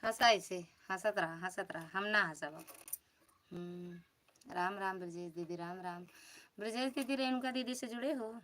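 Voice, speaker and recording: Awadhi woman live streamer, teasing and chatty, crisp bright voice, greets viewers one by one. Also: medium pitch, moderate pace. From Uttar Pradesh, India. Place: home.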